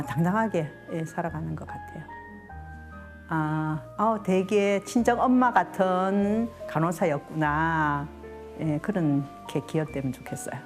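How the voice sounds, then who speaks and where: A middle-aged woman talking about her own life as a guest in an interview. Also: on the low side. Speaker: interview guest, maternity nurse. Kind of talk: personal interview talk.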